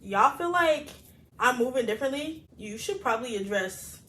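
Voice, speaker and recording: A woman in her twenties co-hosting a casual podcast, telling stories in an animated way with lots of laughter and fillers. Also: on the high side, normal speed. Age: 20s. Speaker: podcast co-host. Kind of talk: casual chat.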